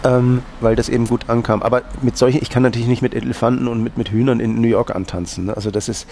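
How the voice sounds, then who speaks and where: A man's voice: mid-range voice, steady tone, fast, vocal fry, darkish tone, slight background noise. A man from Austria, a guest in an interview, telling rambling anecdotes with many restarts. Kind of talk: casual interview talk.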